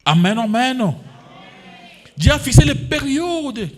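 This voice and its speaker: A man in his fifties preaches with a Congolese French accent, his high voice leaping up and down in pitch. He punctuates the sermon with alleluias and amens and slips into Lingala. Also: big pitch swings, takes it slowly, a little hiss or hum. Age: 50s. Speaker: pastor.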